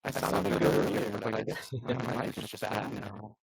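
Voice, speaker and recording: A performer speaking in a flat, low-key way on a live stream. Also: normal speed. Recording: bad mic, noisy and gravelly.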